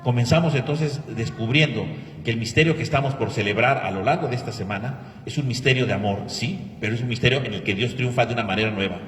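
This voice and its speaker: A man's voice: mid-range voice, fast, fairly bright tone. A man preaching at Mass as a priest, asking rhetorical questions and leading prayers, his voice ringing with cathedral echo. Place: large church. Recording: echoey church hall from far off.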